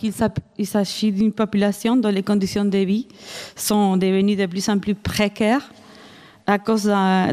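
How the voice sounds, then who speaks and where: Here an Argentine researcher presents an academic talk in French, her second language, carrying an Argentine Spanish accent. She has a mid-range, dark-toned female voice and speaks hesitantly, with many restarts and fillers.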